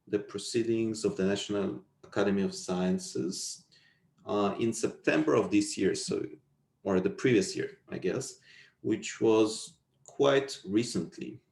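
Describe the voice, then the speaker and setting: Over an echoey video call from indoors, a university lecturer gives an explanatory technical talk in a fairly low-pitched, darkish voice. He checks that listeners understand by posing questions.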